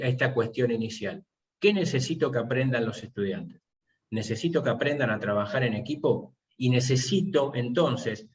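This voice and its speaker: A man, a university teacher, explaining his course methods in an online seminar and posing rhetorical questions. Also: medium pitch. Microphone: video call. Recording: muffled video call audio.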